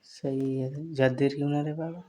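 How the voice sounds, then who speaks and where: A man chats casually and intimately on a phone call, coaxing and repeating his questions. His voice is a little high and dark, with a level tone at a moderate pace, and the call recording is clearly noisy.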